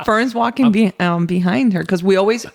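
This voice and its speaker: A woman co-hosting a casual podcast, telling family stories in an animated way and laughing often. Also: medium pitch, brisk, creaky. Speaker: podcast co-host. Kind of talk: casual chat.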